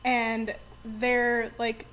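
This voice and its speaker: A woman's voice: on the high side, completely flat delivery, very slow, fairly bright tone. Young woman explaining, faint noise. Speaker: book discussion participant. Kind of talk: casual chat.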